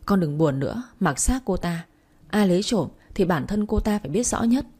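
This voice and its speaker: A woman's voice: fairly low pitch, animated, normal speed, mellow, slightly rough. A woman voicing a caring, protective old grandmother in a Vietnamese audio story, defending her grandchild and scolding others. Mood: comforting.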